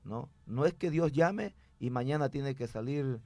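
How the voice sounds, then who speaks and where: Earnest pastor with a dry, gravelly voice. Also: male voice, medium pitch, unhurried, warm tone, no echo. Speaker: pastor, guest. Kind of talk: conversational testimony.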